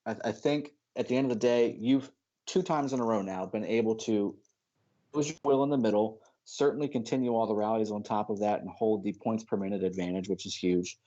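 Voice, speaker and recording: A man's voice: fairly low pitch, brisk, dark tone, lo-fi sound. A man casting an esports match with chatty, analytical commentary. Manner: chatty, analytical, laughs easily. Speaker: esports caster.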